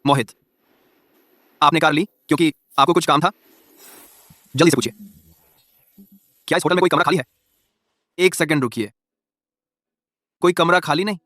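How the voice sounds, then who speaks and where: A man's voice: a little high, normal speed, pauses often, a bit bright, no echo, clean studio sound, natural voice. A man voicing a confident young male company chairman who teases his rival in a dubbed drama. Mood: calm teasing.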